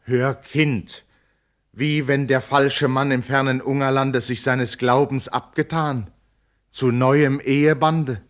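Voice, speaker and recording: A man voicing a pious, worried old mother in a dramatic poetry recitation, speaking in soft, hushed pleas. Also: medium pitch, little pitch movement, takes it slowly, pitched above the performer's own voice, close to an everyday voice. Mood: pleading.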